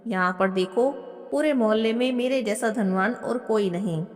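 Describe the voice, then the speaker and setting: A woman's voice: a little high, moderate pace, natural voice. A woman voicing a scornful young daughter-in-law. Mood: dismissive. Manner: dismissive, defiant. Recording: long hall reverb.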